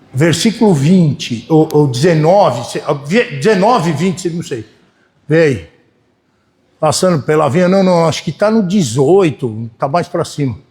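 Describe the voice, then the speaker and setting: A man with a Brazilian Portuguese accent preaching a sermon to his congregation in church. He speaks in a folksy way, keeps checking in with the listeners, and swings between loud and soft. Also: on the high side. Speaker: pastor.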